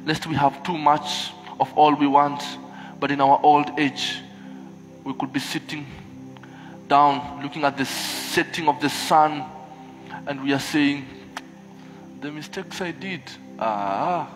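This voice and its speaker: A man's voice: fairly high pitch, flat delivery, a little slow, soft background music. A middle-aged man with an East African accent preaching a church sermon, exhorting with rhetorical questions and repeated refrains. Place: church hall, speaking from a pulpit on stage.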